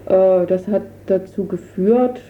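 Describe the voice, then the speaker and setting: A woman with a mid-range voice speaks slowly, explaining things spontaneously as an interviewee for a refugee council. She is colloquial and hesitant, feeling for words as she talks, and the lo-fi radio recording is dull and noisy.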